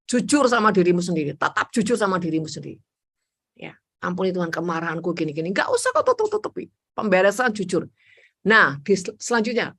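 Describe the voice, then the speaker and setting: Bright, emphatic woman preacher. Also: medium pitch. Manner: emphatic, animated preaching with acted prayers to God. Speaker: evangelist preacher. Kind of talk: sermon.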